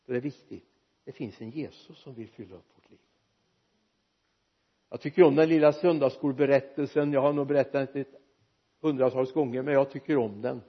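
A man preaching a sermon in a church, lively and joking with the congregation. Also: mid-range voice, pauses often, husky, muffled recording. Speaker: pastor.

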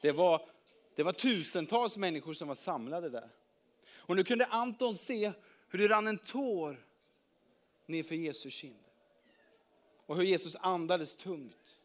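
A man telling a Bible story to children in a lively way, drawing the listeners in. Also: sits high, long pauses. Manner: lively, involves the audience.

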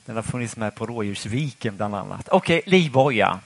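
A man's voice: fairly low pitch, lively intonation, gravelly, dry recording. A man preaching a sermon in church, asking the congregation questions in a conversational way.

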